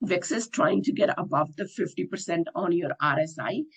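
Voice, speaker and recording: Hoarse man with a gravelly voice. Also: high voice, animated, fairly bright tone, poor audio. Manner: halting, with frequent ums. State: hoarse, losing his voice. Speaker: trading channel host. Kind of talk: market analysis commentary.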